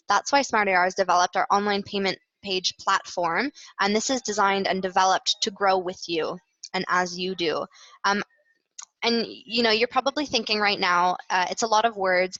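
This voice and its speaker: On a webinar, a woman with a Canadian accent presents a product demonstration as a client success manager, explaining things informally and pausing to hesitate frequently. Her voice is medium in pitch and a bit bright, captured in roomy, slightly muffled audio.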